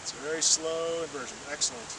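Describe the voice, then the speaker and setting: Beside a stream, a male water-quality field trainer demonstrates a procedure step by step, patient and encouraging. His voice is a little high and quick, and the distant mic captures heavy outdoor water noise.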